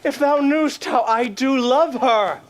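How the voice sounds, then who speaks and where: Man playing a very high-voiced lovesick young shepherd. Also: slow. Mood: yearning. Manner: declamatory, impassioned. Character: lovesick young shepherd, passionate and self-dramatizing. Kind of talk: stage Shakespeare acting.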